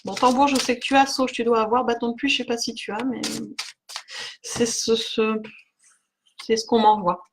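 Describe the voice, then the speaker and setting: A woman's voice: on the high side, steady tone, moderate pace, pauses often, noisy background. A woman giving an oracle card reading on a live stream, chatting with viewers by name, with lots of fillers and little laughs.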